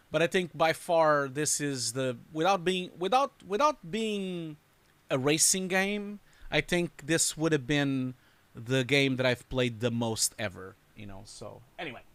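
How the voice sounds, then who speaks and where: A man's voice: mid-range voice, fairly bright tone, no room sound. A man hosting a live stream, chatting casually and rambling, laughing often. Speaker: host reviewing showreels. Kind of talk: casual livestream chat.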